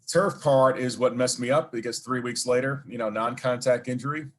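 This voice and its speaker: A New York man with a Brooklyn accent is an interview guest telling long, rambling stories packed with fillers and asides. His mid-range voice keeps a fairly even intonation at a normal speed in this casual storytelling conversation.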